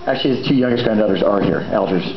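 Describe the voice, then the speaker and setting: A man's voice: lowish voice, rapid-fire. A middle-aged man giving a eulogy in an informal, conversational and hesitant way, with rambling asides. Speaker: son of the deceased giving a eulogy. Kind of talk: informal eulogy at a memorial gathering. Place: large indoor memorial venue. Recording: echoey room, muffled, faint background noise.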